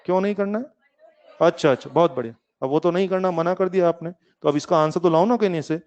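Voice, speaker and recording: A man leads a physics lesson, coaxing his students along in a playful, teasing way. His voice sits a little high and comes through smooth and clear. The recording sounds a bit muffled. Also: fast talker, darkish tone. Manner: coaxing, talks to students as kids; playful, calls himself lazy. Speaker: physics teacher. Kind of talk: online classroom lecture. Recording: slightly muffled lecture recording.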